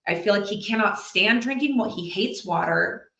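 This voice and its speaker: A woman's voice: mid-range voice, moderate pace. Chatty woman medium, echoey sound. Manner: chatty, thinks out loud while relaying messages. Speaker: psychic medium. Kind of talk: live spirit reading for an audience. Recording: echoey, slightly dull recording.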